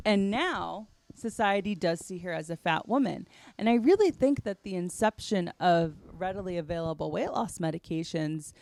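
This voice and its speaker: A woman's voice: on the low side, a little mellow, dry recording. A woman hosting a podcast, talking casually and rambling with many fillers. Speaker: podcast host. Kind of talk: casual chat.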